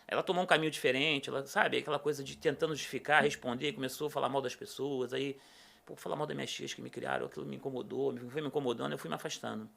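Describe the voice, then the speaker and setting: A man's voice: medium pitch, fast, vocal fry. A middle-aged man, a podcast guest telling a personal story in a casual chat and acting out the dialogue as he goes. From Rio de Janeiro state, Brazil. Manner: animated, acts out quoted dialogue.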